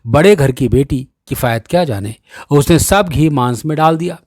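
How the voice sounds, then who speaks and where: A man reading a classic short story aloud as a storyteller, with steady, expressive narration. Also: on the high side, moderate pace, dry recording, studio quality.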